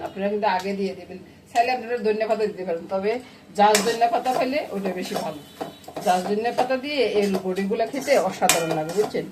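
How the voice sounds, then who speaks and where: Chatty woman with a Noakhali accent. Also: medium pitch. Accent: Noakhali Bengali. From Bangladesh. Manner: chatty, keeps asking viewers "you get it?". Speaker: cooking vlogger. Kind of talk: casual cooking vlog chat. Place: home kitchen. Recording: loud kitchen frying noise. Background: frying and sizzling.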